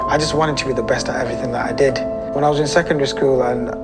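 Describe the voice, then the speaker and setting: A British man, an adventurer, telling his story in a lively, conversational way and speeding up when excited. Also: mid-range voice, rapid-fire, creaky. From United Kingdom. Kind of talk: interview storytelling. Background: background music.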